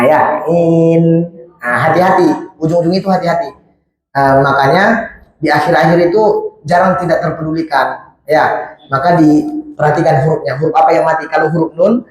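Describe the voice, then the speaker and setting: A man with a high-pitched voice leads a Quran recitation lesson, drawing out each verse slowly before pointing out mistakes. He speaks at an unhurried pace. His voice rings through a large prayer hall with heavy echo. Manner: patient, demonstrates verses slowly, then corrects. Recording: very echoey hall.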